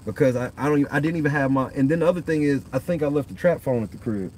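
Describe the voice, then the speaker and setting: Sitting in a parked car at night with his phone on the dashboard, a thirtysomething livestream host rambles casually, loose and profane. His voice is on the high side, racing, and a bit mellow, with slight background noise.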